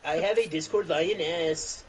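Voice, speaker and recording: A man's voice: a little high, unhurried, very noisy. A young man in casual chat on a voice call, joking in a mock-solemn way. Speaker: streamer.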